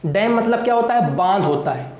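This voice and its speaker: A man's voice: high-pitched, expressive, a little fast, highs cut off, a little hiss or hum. A man teaching an exam-prep class. He addresses his students as children, asks his own questions and answers them, and repeats key words. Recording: echoey room.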